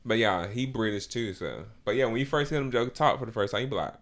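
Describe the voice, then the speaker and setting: A man's voice: fairly low pitch, quick pace, a bit bright. A man hosting a podcast in easygoing, joking casual chat. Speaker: podcast host.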